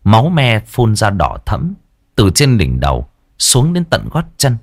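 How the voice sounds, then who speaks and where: A man's voice: huge pitch swings, a little slow, dry recording, studio quality. A man narrating a horror story in a dramatic, tense way. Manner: dramatic, tense storytelling with wide swings in pitch. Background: faint background music.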